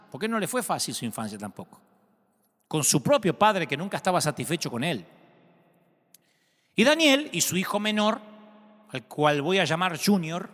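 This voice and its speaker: Dramatic preacher in a big hall. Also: male voice, on the high side. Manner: dramatic storytelling with big swings between soft and loud. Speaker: pastor. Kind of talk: sermon.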